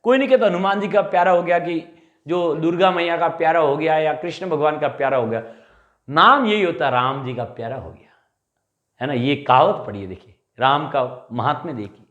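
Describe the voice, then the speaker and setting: A male teacher drills memory tricks for an exam, firing questions and answering them himself. His voice sits fairly high and swings up and down. The room around him is echoey. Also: moderate pace, highs cut off. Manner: animated, repeats answers as call-and-response drills. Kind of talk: mnemonic lecture.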